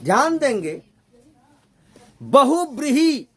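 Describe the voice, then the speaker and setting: A man's voice: very high voice, very animated, takes it slowly, fairly bright tone. A man teaching a grammar class, who keeps asking his students questions and drilling the same points again and again.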